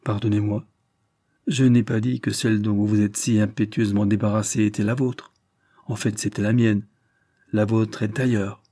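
A man voicing a blind gentleman detective who speaks softly, in a measured and quietly ironic way, in an audiobook reading. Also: on the low side, little pitch movement, dry recording. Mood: calm. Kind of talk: audiobook character voice.

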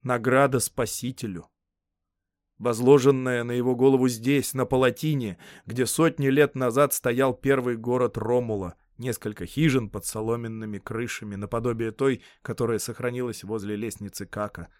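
Guy reading a historical novel aloud, steady and even, dry close mic. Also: medium pitch, moderate pace, no room sound. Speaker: audiobook narrator. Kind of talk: scripted narration.

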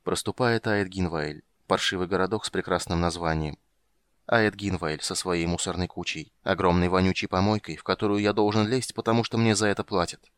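A grim, weary monster hunter, as a male reader puts him on, bitter and low-key. His voice is very deep and quiet, in a dry, close recording. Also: steady tone, brisk, smooth, no echo, natural voice. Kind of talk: audiobook character reading.

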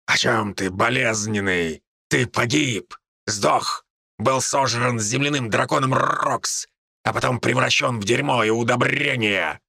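A man voicing a mocking male druid who speaks through ravens, slow, scornful and taunting, with a gravelly voice. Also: mid-range voice, pushed and bright, no echo, studio quality, full character voice.

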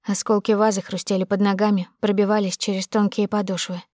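A woman's voice: mid-range voice, little pitch movement, brisk, darkish tone, no echo, clean studio sound. A woman narrating a tense, dramatic audiobook in the first person.

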